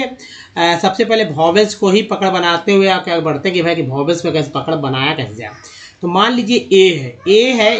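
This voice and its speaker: A man teaching English reading, slowly and patiently sounding out words one by one. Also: high-pitched, a bit bright. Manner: slow, patient word-by-word drilling.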